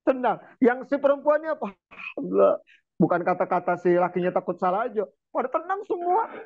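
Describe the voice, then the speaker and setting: A man preaching in a relaxed, chatty way, telling stories with lively turns and chanting verses slowly. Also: very high voice, no room sound. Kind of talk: casual religious talk. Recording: tinny phone-like sound.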